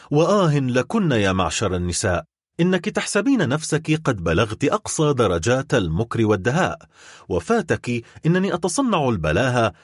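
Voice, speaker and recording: A man's voice: medium pitch, breathy edge, no room sound, studio quality. A man voicing a wealthy middle-aged baron who is cold, stern and accusing toward his wife in a storybook reading. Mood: angry.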